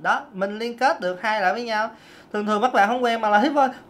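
A woman's voice: fairly high pitch, fast. A woman, a vocal coach giving a casual singing lesson and breaking off to demonstrate vocal sounds.

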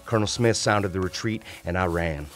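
Grim and intense, a middle-aged actor with a low voice plays a haunted Confederate lieutenant in an old-time radio drama, reading a horror from his journal in a grave, formal, deliberate manner. The acting is light, and he speaks close to a vintage-style mic in a small studio with music behind.

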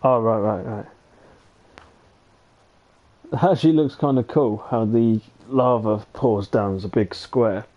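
Streaming a game with a friend, a man chats casually and chuckles as he thinks aloud. His voice is fairly low and dark in tone, unhurried and full of pauses, and the stream audio is dull and lo-fi.

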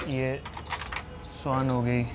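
A man's voice: mid-range voice, little pitch movement, slow pace, a little hiss or hum. A man working as a seller in a pottery yard, giving brief, polite answers that quote prices. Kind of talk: answering customer questions.

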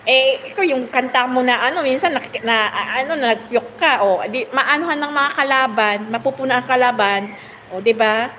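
Give me a high-voiced chatty woman live-streaming from the road, reverberant sound with faint noise. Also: moderate pace, pushed and bright. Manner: chatty, laughs often, rambling with many fillers. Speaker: live-stream vlogger reading viewer comments. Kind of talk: casual live-stream chat. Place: on the road, in a vehicle.

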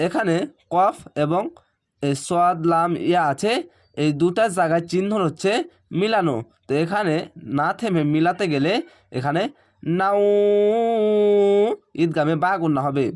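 A man, teaching Quran reading by spelling out each syllable slowly and then explaining in quick everyday asides. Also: high-pitched. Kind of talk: spelling-out recitation lesson.

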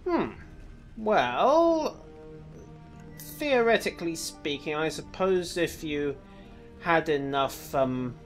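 A man's voice: on the high side, big pitch swings, slow, pauses often, soft background music. A man casually commenting on his gameplay with dry, wry asides. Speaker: let's play host.

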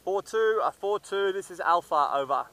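A man's voice: high-pitched, expressive, normal speed, fairly bright tone. A man, a soldier, giving blunt, slangy orders and terse radio calls outdoors. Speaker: soldier, troop commander. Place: outdoors on an open rocky hillside. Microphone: body-worn action camera. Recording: noisy outdoor body camera audio.

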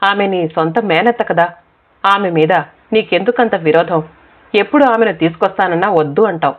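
Worried grieving husband, choked earnest talk, a lady reading him, lowish voice, tinny phone-like audio. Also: moderate pace, natural voice. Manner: choked, pleading. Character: anxious grieving middle-aged husband.

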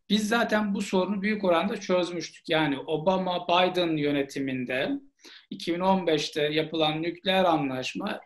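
High-pitched male seminar lecturer. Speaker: seminar lecturer, Gulf studies expert. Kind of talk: online seminar question-and-answer. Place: small plain room indoors. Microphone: video call, earphone headset.

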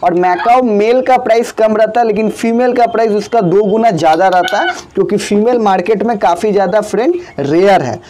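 A man's voice: high voice, fairly quick, few pauses, darkish tone. A young man in his twenties running a bird farm, giving a chatty how-to vlog and calling the viewers friend over and over. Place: small room with blue walls, indoors.

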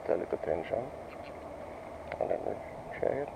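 A Jamaican man vlogs his fishing trip from a rocky shore by a bridge, talking to viewers at normal speed in a relaxed, often muttered running commentary. It's captured on a head-mounted action camera, giving lo-fi audio with outdoor noise.

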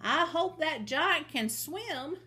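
A woman's voice: high-pitched, animated, slow pace, pushed and bright, pitched above the performer's own voice, exaggerated voice. A woman doing a plucky young cowgirl.

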